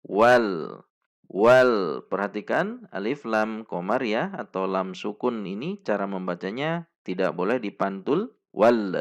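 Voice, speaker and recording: A man teaching Quran recitation rules in a patient lesson, pausing to demonstrate each sound slowly and having listeners repeat it. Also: lowish voice, very animated.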